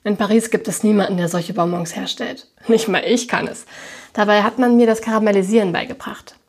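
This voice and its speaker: A charming young confectioner, read by a woman, playful and a little boastful. The voice is slightly husky, at a middle pitch. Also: fairly even intonation, brisk. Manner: teasing, lightly boastful.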